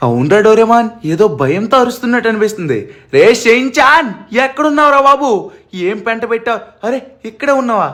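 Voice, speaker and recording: Man doing a fast, brash young man. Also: very high voice, expressive, pushed and bright, exaggerated voice. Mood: annoyed. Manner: scolding, blustering. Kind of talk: cartoon fan dub over gameplay.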